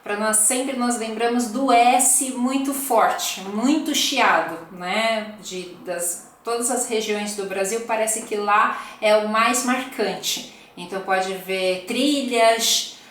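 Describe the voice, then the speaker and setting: A woman's voice: on the high side, takes it slowly, fairly bright tone. A Brazilian woman teaching Portuguese, explaining accents patiently and often asking "né?" to check in. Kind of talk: explaining accents in a video lesson. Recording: very echoey room with faint noise.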